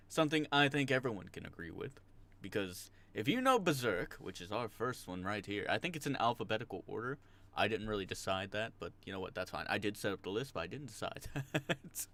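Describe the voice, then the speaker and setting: A man's voice: mid-range voice, a bit bright, no room sound. A young man hosting a late-night live stream, chatting casually, rambling, greeting his chat by name and laughing often.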